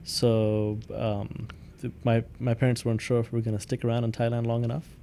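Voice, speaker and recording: A man's voice: mid-range voice, level tone, fairly quick, dark tone, a little hiss or hum. A man from India, a company founder and CEO, answering interview questions in a thoughtful way, with many ums and restarts.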